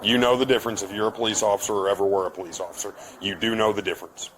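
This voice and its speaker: A man's voice: on the low side, steady tone, rapid-fire. A man speaking as an on-duty police officer, explaining procedure firmly and repeating his points. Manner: firm, repetitive explaining. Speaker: police officer taking a statement. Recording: background noise from body camera.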